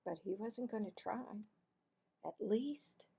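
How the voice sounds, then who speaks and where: A woman with a medium-pitched, gravelly voice and a breathy edge reads a children's story aloud. She is expressive and deliberate, though she occasionally stumbles over words.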